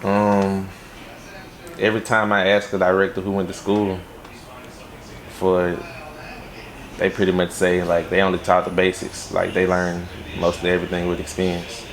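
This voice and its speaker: Here the young director, from Los Angeles and raised in Baton Rouge, Louisiana, talks at a moderate pace and pauses often. His low voice stays completely flat as he answers questions casually, filling gaps with lots of fillers.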